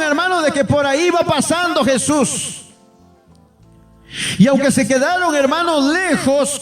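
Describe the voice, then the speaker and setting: A man's voice: very high voice, distant mic. A male pastor preaching a fervent sermon to his congregation, repeatedly calling them brothers and acting out pleas in a raised voice. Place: church hall. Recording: echoey room, off-mic, faint music.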